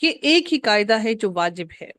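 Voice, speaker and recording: A woman's voice: medium pitch, big pitch swings, a bit bright, dry recording. Patient woman teaching grammar, dry sound. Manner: patient, repeats key rules slowly for students. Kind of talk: recorded grammar lesson.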